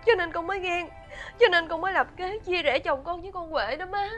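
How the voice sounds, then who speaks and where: Scheming jealous young wife, very high voice, begging and teary, faint music. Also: female voice, a little fast, fairly bright tone. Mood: pleading. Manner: pleading, tearful.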